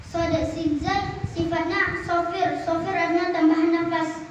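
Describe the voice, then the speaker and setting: A woman's voice: very high voice, level tone, measured pace, a little hiss or hum. A woman reciting memorized Quranic reading rules for an oral exam, chanting lists of letters in a sing-song rhythm. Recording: echoey distant lo-fi room recording.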